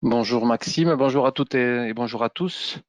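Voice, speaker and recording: A man's voice: mid-range voice, normal speed, no echo. Man with a Toulouse accent presenting. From Toulouse, south-west France. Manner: hesitant, many fillers and restarts. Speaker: consultant trainer presenting software. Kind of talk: webinar presentation.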